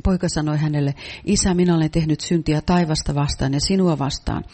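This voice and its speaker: A man with a mellow, fairly high voice interprets a sermon. He reads each passage at an even, steady pace.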